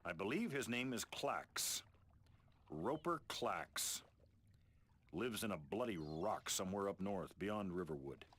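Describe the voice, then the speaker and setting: An actor playing a sardonic, exasperated merchant sailor in a video game, grumbling and mocking. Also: male voice, deep voice, animated, unhurried, a bit bright, breathy edge, exaggerated voice. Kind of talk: video game character acting.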